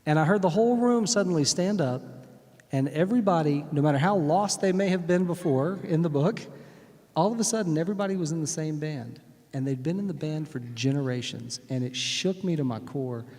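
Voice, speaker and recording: Animated storytelling man, long hall reverb. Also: a little high, brisk. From Texas. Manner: animated, acts out voices in anecdotes. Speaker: guest musician. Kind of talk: conversational storytelling. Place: synagogue sanctuary. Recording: echoey sanctuary with long reverb.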